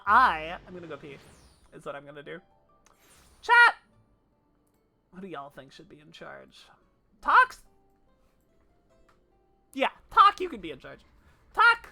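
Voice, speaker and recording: A woman's voice: on the low side, expressive, brisk, vocal fry, bright, forceful tone, soft background music. A woman livestreaming a game, chatting casually to her viewers in a playful, cute streamer manner with exclamations. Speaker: livestream host playing an online game. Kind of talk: casual livestream chat with squeals and read-aloud game dialogue.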